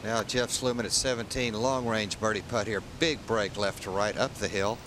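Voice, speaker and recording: A man's voice: lowish voice, steady tone, moderate pace. A man commentating on a golf tournament as a broadcast commentator. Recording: outdoor broadcast, clear ambient noise.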